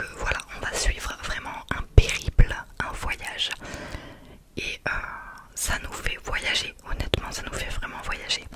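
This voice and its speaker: A woman whispers softly, as if in a library, giving an ASMR book review in a halting, reflective way. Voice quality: soft unvoiced whisper throughout. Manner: hushed, library-style whispering. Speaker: ASMR creator reviewing books.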